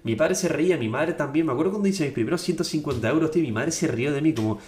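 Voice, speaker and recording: A young man from Tenerife in his twenties, talking excitedly in a casual motivational vlog and dropping slang fillers as he goes. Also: fairly high pitch, fast talker. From Tenerife, Spain. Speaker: online coach and affiliate marketer. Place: indoors at home. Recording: echoey room.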